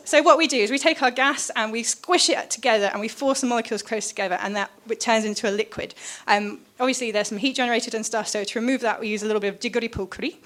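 A woman's voice: a little high, a bit bright. A woman, a scientist, explaining physics informally to listeners, chatty and enthusiastic, with lots of fillers and restarts. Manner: chatty and enthusiastic, full of fillers and self-corrections.

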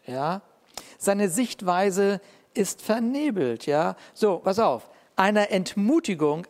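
Man, preacher, high voice, conversational sermon, long hall echo. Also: creaky. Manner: lively, conversational preaching with frequent "ja?" asides. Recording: long reverb of a large hall.

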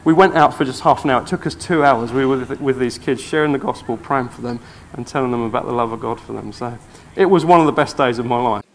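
A man preaching, telling a testimony story in church with earnest excitement. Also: mid-range voice, quick pace, hardly any pauses.

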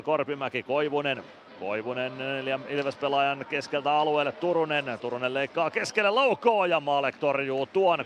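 A man giving radio play-by-play commentary on an ice hockey game from an arena booth, calling the action in quick, steady phrases. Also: medium pitch, slight background noise. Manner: rapid steady play-by-play, rising to shouting at goals.

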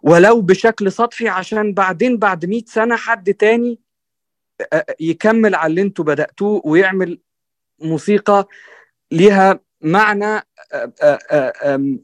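Fast-talking Egyptian man, hesitant and earnest. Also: sits high, no echo. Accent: Egyptian Arabic. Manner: hesitant, many restarts and fillers, checks in with "right?"; earnest and exhorting. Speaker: guest musician on a panel. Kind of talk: conversational discussion.

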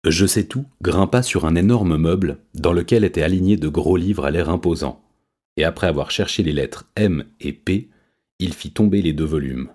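A man reading a story aloud in a steady, measured way. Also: low-pitched, husky. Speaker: narrator.

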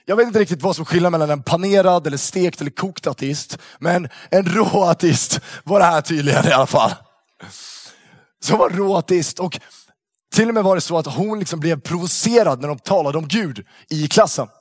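A young man telling a story to young people in a casual, animated way, full of slang and fillers. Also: a little high, dry recording, clean studio sound. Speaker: youth speaker.

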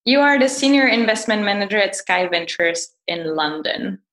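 A woman's voice: mid-range voice, lively intonation, moderate pace, fairly bright tone. A woman moderating a podcast interview, with polite, formal phrasing. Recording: roomy, faint music behind.

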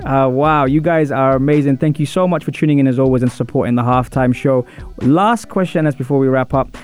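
On a casual radio interview, a man hosting a sports talk show chats informally with his guest. He speaks briskly at a medium pitch, slightly mellow, with music playing behind him.

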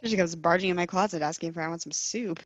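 A woman's voice: lowish voice, fast talker, dry recording. A young woman chatting casually and giggly as a co-host, recording from inside a closet at home. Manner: giggly, conversational. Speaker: podcast co-host. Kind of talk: casual chat.

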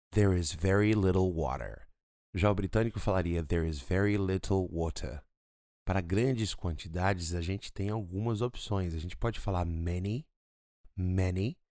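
A man with a Brazilian Portuguese accent teaching English on his podcast, drawing out his example sentences slowly. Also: low voice, darkish tone, no echo, studio quality. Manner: slow, drawn-out model sentences in English.

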